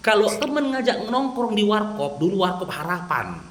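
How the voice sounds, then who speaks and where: A Medan-accented male preacher talks straight to a listener and acts out bits of dialogue as he tells his stories. His pitch rises and falls in wide swings. The voice rings in an echoey room over a faint hiss. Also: moderate pace. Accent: Medan Indonesian. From Medan, North Sumatra. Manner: lively storyteller who acts out quoted dialogue. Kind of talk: persuasive religious talk to a listener.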